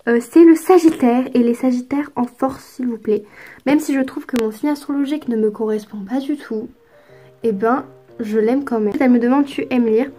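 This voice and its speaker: A woman's voice: on the high side, normal speed, warm tone, faint music behind. A teenage girl from France answering viewer questions in a casual vlog, chatty and hesitant with lots of fillers. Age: teens. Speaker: youtuber.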